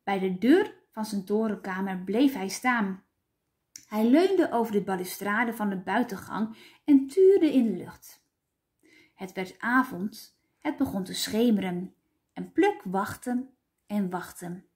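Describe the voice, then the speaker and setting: A woman teacher reading a children's storybook aloud with clear, expressive storytelling. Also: mid-range voice, slow pace.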